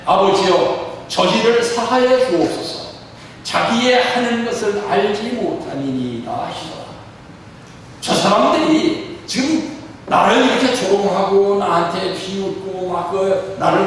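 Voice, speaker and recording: A man in his sixties preaching a sermon as church leader, animated and full of rhetorical questions. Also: high-pitched. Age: 60s. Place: church hall. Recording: echoey hall, distant mic, faint noise.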